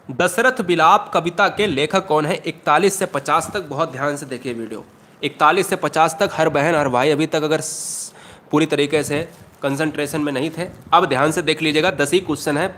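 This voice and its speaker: A man's voice: on the high side, a bit bright, slight background noise. Emphatic male Hindi exam tutor. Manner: emphatic, repeats questions, addresses students as brother. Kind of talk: online exam-prep lesson.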